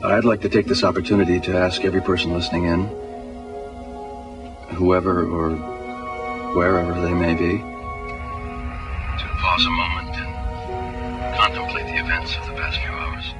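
An actor playing a calm astronaut who speaks over a crackling space radio link, measured and formal. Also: male voice, deep voice, recorded from a distance, over music. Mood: solemn. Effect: crackling space radio transmission. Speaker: astronaut radioing mission control. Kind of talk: film drama. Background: loud film score.

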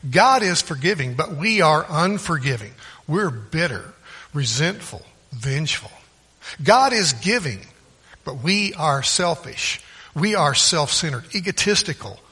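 A male preacher delivers a sermon at a slow, deliberate pace, hammering his points home through repetition. His voice sits a touch high and rings bright. He slips easily into folksy storytelling. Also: husky.

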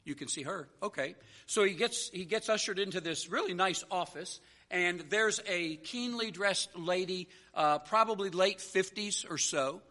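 A man's voice: sits high, a little slow, hardly any pauses, sharp tone. A man preaching a sermon, telling a story and then driving home his point with earnest, repeated phrases.

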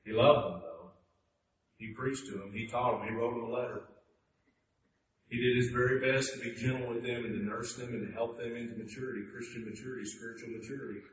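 Brief: male preacher, mid-pitched, swings from hushed to loud emphasis; echoey hall, distant mic. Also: fairly even intonation, fairly quick. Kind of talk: sermon. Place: church sanctuary. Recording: echoey hall, distant mic, dull sound, faint noise.

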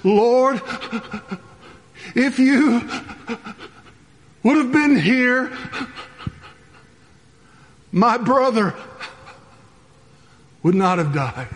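A grief-stricken young woman pleads through her tears, her voice lifted well above the speaker's own as a man acts her out. Her words ring out in a big reverberant hall. The delivery is slow and drawn out. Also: extremely high pitch, lively intonation, pitched above the performer's own voice, full character voice.

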